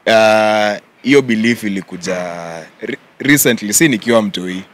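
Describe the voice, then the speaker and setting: A young man with a Kenyan accent, answering interview questions in a relaxed way and mixing English with Swahili slang. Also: on the low side, a little slow. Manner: relaxed, mixes English and Swahili slang, says "yeah" often. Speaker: content creator guest.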